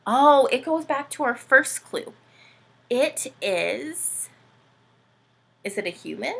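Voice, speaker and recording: A woman hosts a playful children's storytime and read-aloud with a puppet sidekick, speaking animatedly to young listeners and asking them many questions. Her voice is high, slow, and gravelly with a breathy edge.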